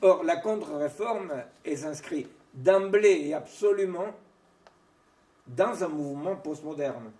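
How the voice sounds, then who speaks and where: A man lecturing at a seminar, his voice set a little high for a man. He is recorded from across an echoey room. He hesitates and restarts often, and he keeps tossing questions back to the audience as he goes. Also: expressive, takes it slowly, warm tone. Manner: digressive, keeps checking in with "vous voyez", "non?", "hein". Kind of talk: informal academic seminar lecture. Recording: echoey room, mic far from speaker.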